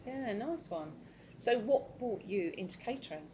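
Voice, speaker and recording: A woman's voice: medium pitch, lively intonation, unhurried, noisy background. A woman hosting a casual interview, chatty and easily distracted, laughing often. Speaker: host. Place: busy restaurant. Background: restaurant crowd chatter.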